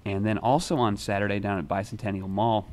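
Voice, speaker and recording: A young man in his twenties hosting a casual newsroom chat at a desk microphone, relaxed and rambling, with many fillers and restarts. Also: on the low side, fast talker. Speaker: music writer and show host. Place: newsroom studio.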